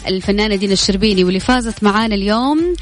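A radio quiz show host with a Saudi Hejazi accent runs a live quiz from the studio, chatty and congratulatory as she announces questions, winners and prizes. Her medium-pitched voice comes rapid-fire, with faint music behind.

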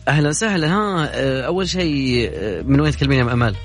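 A man's voice: medium pitch, expressive, very fast, faint music behind. A man with a Saudi Gulf accent hosting a call-in radio show, chatting and joking with callers. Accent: Saudi Gulf Arabic. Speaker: radio host.

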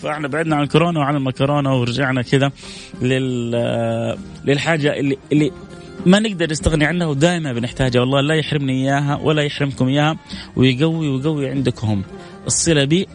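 A man hosting religious radio talk, a fervent preacher who swings between high exclaiming and low solemn recitation. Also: fast talker, faint music behind.

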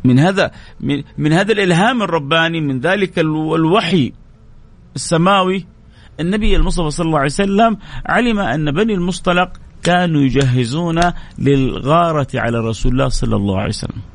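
A man, hosting a religious radio show and telling stories with lively, dramatic rises in his voice. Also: a little high, fast. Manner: animated storyteller, voice leaps up for dramatic moments. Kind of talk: religious storytelling talk.

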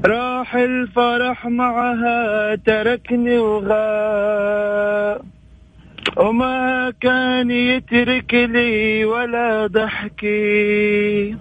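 A man calling in from his car and singing slowly, his voice distant from the phone. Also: high-pitched, a bit bright, lo-fi sound. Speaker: caller singing on air. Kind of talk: slow unaccompanied singing over the phone. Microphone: phone line.

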